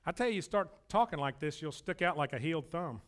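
Man, pastor, sermon, folksy and emphatic, high voice. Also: animated, quick pace, a bit bright. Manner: folksy, joking, emphatic preaching.

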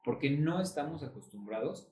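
A man with a Mexican accent chatting casually as a podcast co-host, animated and full of slang. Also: fairly high pitch, normal speed. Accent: Mexican Spanish. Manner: animated, slangy, acts out quoted voices. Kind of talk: casual chat. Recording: roomy echo.

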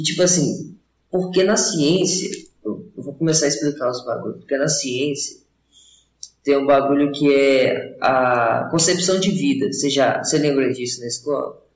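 Jovem brasileiro de fala chapada, com eco. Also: male voice, medium pitch. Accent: Brazilian. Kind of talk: casual rambling chat. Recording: roomy echo, slightly dull sound.

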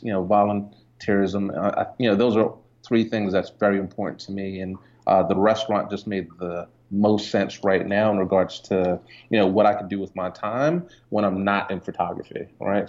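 Man from Jamaica, interview guest, low voice, casual and relaxed, dull muffled recording. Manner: relaxed, conversational, many fillers. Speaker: guest, entrepreneur and photographer. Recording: dull lo-fi sound.

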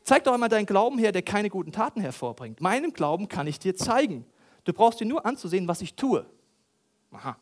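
A preacher, giving a lively sermon with loud outbursts, soft asides and provocative questions to the congregation. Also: male voice, sits high, fairly quick.

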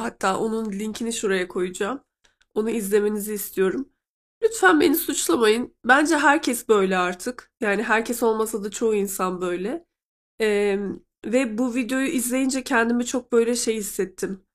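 Nasal, congested woman, higher-pitched voice. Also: moderate pace. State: sick with a cold. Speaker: host. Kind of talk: casual chat to listeners, translating a clip aloud.

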